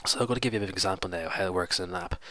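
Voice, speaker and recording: A man's voice: sits low, racing, sharp tone, no echo. A man with a stuffy cold, casually walking through a coding tutorial step by step and correcting himself as he goes. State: congested with a cold. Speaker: programming tutorial host. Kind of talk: screen-recorded coding tutorial.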